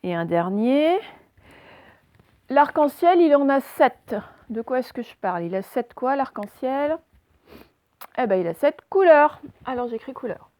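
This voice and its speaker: A woman teacher giving a recorded reading lesson, speaking slowly and clearly, asking questions and then answering them herself. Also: high voice, big pitch swings, a little mellow, no room sound. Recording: dry, dull lo-fi recording.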